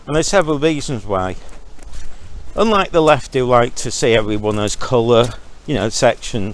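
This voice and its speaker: Man, forties, born in Zambia, ranting vlog monologue, mid pitch, walking outdoors, faint background noise. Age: 40s. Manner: ranting, sarcastic, opinionated. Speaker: vlogger. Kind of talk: rambling opinion monologue. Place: outdoors, walking past a stream.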